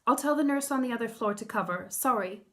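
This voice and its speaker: A woman's voice: on the high side, fast talker, close to an everyday voice. Woman reading as a frantic young nurse. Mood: urgent.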